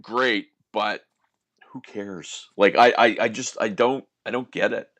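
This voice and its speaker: A man with a lowish, bright, sharp-edged voice co-hosts a podcast, launching into animated, opinionated rants that stumble and restart. He is recorded close and dry, with no room echo. His talk is loose and conversational. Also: a little slow. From Nova Scotia, Canada. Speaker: podcast co-host. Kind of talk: casual podcast chat.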